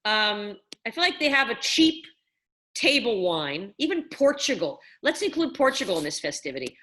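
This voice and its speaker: A woman's voice: medium pitch, big pitch swings, normal speed, pushed and bright. Tipsy woman rambling on a live stream. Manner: rambling, self-questioning, slightly slurred. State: tipsy from wine. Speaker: host.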